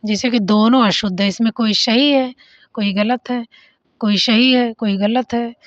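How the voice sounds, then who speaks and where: A fairly high-voiced young woman teacher runs an exam revision lesson. She reads out options and briskly corrects each word, and she speeds up whenever she announces a question number. The recording is dry and somewhat dull, like a lo-fi home setup. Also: fairly even intonation, no echo.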